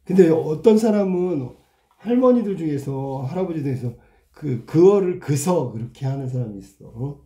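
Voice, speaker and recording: A male Korean language teacher with a dark voice, fairly high pitch and lively intonation walks through an exam casually. Talkative, he sounds words out slowly, repeats them, and asks rhetorical questions.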